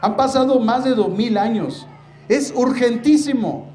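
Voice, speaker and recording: Male pastor, sermon, high-pitched and emphatic, recorded in an echoey church room. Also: darkish tone, slight background noise. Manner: preaching, repeatedly addressing the congregation as brothers; emphatic, slows down to stress key words.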